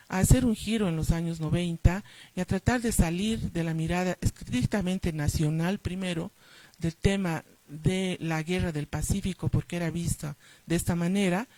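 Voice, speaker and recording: A woman co-editor giving a formal book launch speech, measured and full of hesitant fillers. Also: fairly low pitch, warm tone, no room sound, low-quality recording. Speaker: book co-editor and former program director.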